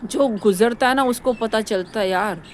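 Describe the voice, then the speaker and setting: A woman's voice: a little high, normal speed. Rambling woman vlogger with a faint background hum. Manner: rambling, repetitive, preachy. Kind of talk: casual opinion vlog.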